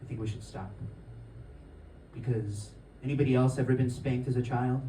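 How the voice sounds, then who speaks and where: A man's voice: mid-range voice, fairly even intonation, moderate pace, warm tone, a little hiss or hum. A man performing a stand-up comedy set on stage, telling stories in a rambling, conversational way with lots of filler words. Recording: echoey room, mic at a distance.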